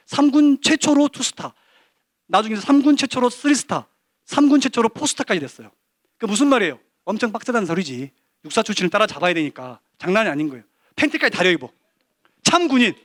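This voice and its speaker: A man giving a lively testimony at a church service, telling an animated story full of quoted dialogue. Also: high-pitched, dry recording, studio quality. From Korea.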